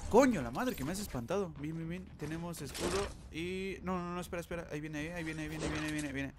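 A man giving live gameplay commentary, talking to his viewers and repeating words rapidly when excited. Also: a little high, noisy background. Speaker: gamer.

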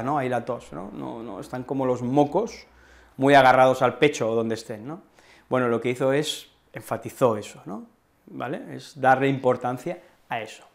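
A man teaching an online Spanish lesson with an accent from Spain, explaining patiently and checking in with his students through frequent tag questions. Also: mid-range voice.

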